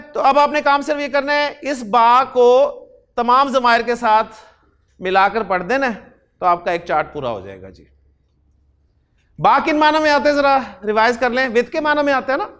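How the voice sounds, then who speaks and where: A man from Pakistan teaching Arabic grammar in a lecture, explaining step by step, slowing down to spell out Arabic words and answering his own questions. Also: extremely high pitch, expressive, a bit bright, smooth. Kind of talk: classroom lecture.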